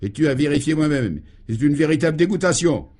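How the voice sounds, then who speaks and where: A man's voice: on the high side, expressive, fairly quick, a little mellow. A man voicing an irascible, blustering male governor in a radio play, bellowing in sputtering tirades. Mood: furious. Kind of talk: 1950s radio play acting.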